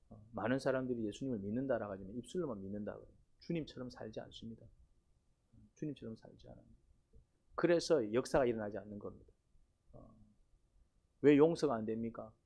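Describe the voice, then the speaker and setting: A man's voice: medium pitch, vocal fry, mellow. A pastor delivers a Sunday sermon in church. He fires rhetorical questions at the congregation, repeats key phrases, and uses blunt, folksy wording with sudden emphatic rises.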